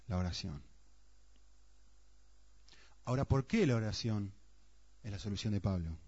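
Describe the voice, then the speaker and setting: A man's voice: on the low side, animated, a little slow, a little mellow. A man preaching a sermon earnestly, often asking the congregation rhetorical questions. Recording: dull, muffled sound.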